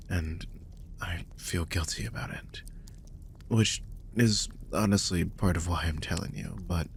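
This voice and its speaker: A man takes the role of a magical guardian, protective yet guilty, in an intimate roleplay audio drama. His low, husky voice stays soft, breathy and hesitant, soothing with many sighs and often falling toward a whisper, over a slight hiss or hum.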